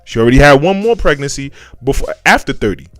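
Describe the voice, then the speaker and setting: A man's voice: medium pitch, big pitch swings, quick pace, a bit bright, no room sound, faint music behind. An American man gives casual, opinionated commentary as a show host. His talk is slangy, and he circles back to repeat phrases until they land.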